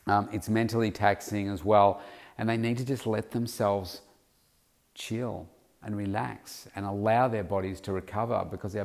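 A man's voice: on the low side, a little mellow. A middle-aged man hosting his own podcast, talking casually on his own with lots of fillers and restarts, and he has the hiccups. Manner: rambling, with many fillers and restarts. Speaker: podcast host. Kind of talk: casual solo monologue.

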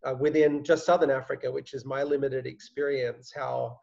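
A man's voice: medium pitch, flat delivery, moderate pace, creaky, darkish tone. A man interviewing his guests, musing aloud in a hesitant way with many fillers. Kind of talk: conversational interview. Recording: dull lo-fi recording.

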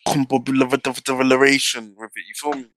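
A man's voice: medium pitch, steady tone, a little slow, a crowd in the background, low-quality recording. A young man with a London roadman accent, chatting casually and giving opinions in heavy slang, often checking the listener follows. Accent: London roadman, multicultural urban London slang. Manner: slangy, punctuated with check-in tags. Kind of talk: casual chat, debating opinions.

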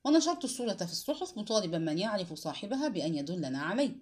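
A woman reads a crime story aloud as dramatic audiobook narration. Her pitch moves widely and expressively across each sentence, giving the tale a lively, storytelling shape. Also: very fast.

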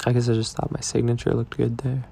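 A young man rambling slowly through a casual video diary in a stoned drawl. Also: mid-range voice, completely flat delivery, gravelly, dark tone, slight background noise. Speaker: vlogger.

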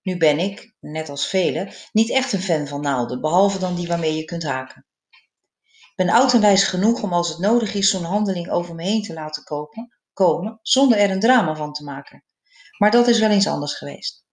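A speaker in their sixties reading a personal childhood memory aloud, with wry, gently humorous storytelling. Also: mid-range voice, normal speed, roomy sound. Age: 60s. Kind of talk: read personal memoir narration.

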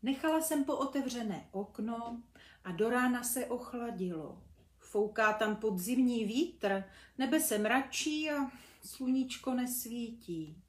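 A woman voicing a patient, kindly mother bumblebee who explains things gently. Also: on the high side, natural voice. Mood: gentle. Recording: echoey room.

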